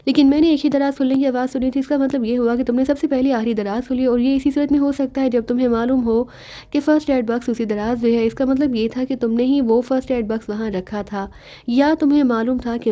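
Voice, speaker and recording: Sly joking male sleuth, read by a woman; mellow tone, mocking patter. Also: fairly high pitch, natural voice. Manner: rambling, mocking, teasing. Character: sly joking male detective, young man.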